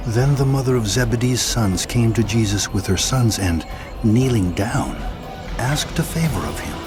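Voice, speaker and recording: A man narrating a dramatized Bible reading in a steady, clear storytelling manner. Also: medium pitch, normal speed. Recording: narration over music bed.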